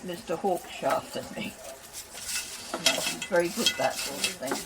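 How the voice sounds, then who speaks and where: A woman's voice: on the low side, moderate pace, creaky. An older woman at a community farm, chatting in a plain-spoken, opinionated way. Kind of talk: casual chat. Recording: noisy outdoor recording.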